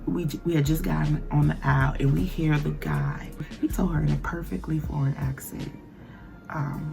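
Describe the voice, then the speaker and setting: Woman podcast host, low gravelly voice, blunt and profane, music behind her. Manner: blunt, profane, animated storytelling. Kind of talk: casual solo podcast chat. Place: lives in Burbank, California.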